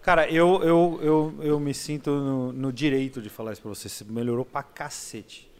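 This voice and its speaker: A man's voice: medium pitch, fairly even intonation, normal speed, clear, resonant tone. Brazilian man hosting a casual podcast. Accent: Brazilian Portuguese. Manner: friendly, conversational interviewer. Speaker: podcast host.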